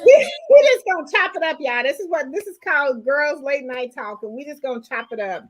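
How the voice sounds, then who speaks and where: An American woman hosting a casual live chat, folksy and animated, often repeating herself for emphasis. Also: high voice, a little fast, rough recording. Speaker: host of a late-night live girlfriend chat show.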